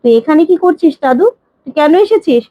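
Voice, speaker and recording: A woman's voice: sits high, lively intonation, a little fast, dry recording, lo-fi sound, pitched above the performer's own voice. A woman voicing a stern, furious old grandmother who scolds her son angrily. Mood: angry. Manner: angry scolding.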